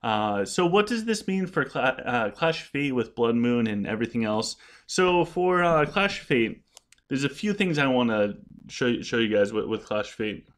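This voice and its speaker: A man's voice: medium pitch, sing-song, fairly bright tone. Casting: male gaming vlogger with a mid-range voice, explaining things earnestly in loose, stop-and-start casual talk. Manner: halting, repeats and restarts words. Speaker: gaming content creator addressing viewers. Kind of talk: casual unscripted vlog talk.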